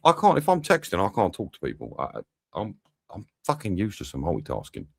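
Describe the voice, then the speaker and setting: Low-voiced, swearing man streaming a match. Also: huge pitch swings, a little fast, creaky, no room sound. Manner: swears often, banters with chat. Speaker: watch-along streamer. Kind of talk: live match watch-along commentary.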